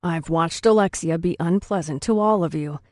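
Woman doing a stern male teacher, lowered voice. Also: darkish tone, no echo, clean studio sound, lightly acted. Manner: firm, measured lecturing. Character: stern, calm male schoolteacher.

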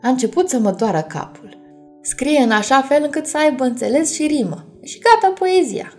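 A woman's voice: high-pitched, expressive, a little mellow, soft background music, voice pushed up. Woman doing an impatient fussy little girl. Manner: exasperated, brushing off.

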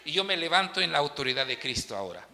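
A man preaching a sermon as pastor, animated, swinging between loud and soft. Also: on the high side, fast talker, creaky, long reverb tail.

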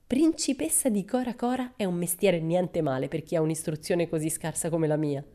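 A woman's voice: lowish voice, moderate pace, warm tone, close to an everyday voice. A woman voicing a boisterous, cheerful young girl adventurer who keeps exclaiming with delight, in a storybook reading. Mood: exuberant. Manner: exuberant, exclaiming.

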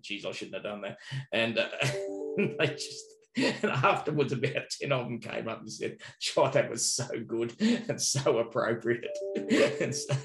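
A man's voice: mid-range voice, vocal fry, fairly bright tone. An Australian man, a teacher, telling casual anecdotes in an interview, laughing often and swearing freely. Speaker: teacher and maths trainer. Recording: roomy echo.

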